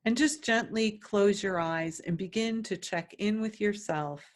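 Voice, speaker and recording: Speaking in a mid-range voice, a woman leads a guided meditation as a teacher would. She instructs gently and soothingly, leaving long pauses between phrases.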